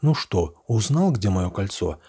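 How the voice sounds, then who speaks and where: Guy doing a stern bossy old-tale tsar, imperious, husky, storybook style. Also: fairly low pitch, sing-song, unhurried, warm tone, exaggerated voice. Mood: commanding. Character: commanding male tsar, stern but generous.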